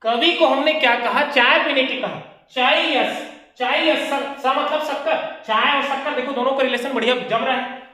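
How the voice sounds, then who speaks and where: A male teacher explains grammar with a clear, bright tone. He keeps posing questions and answering them himself, going over each point again and again. The sound rings heavily around a very echoey room. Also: extremely high pitch, moderate pace. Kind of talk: classroom grammar lesson.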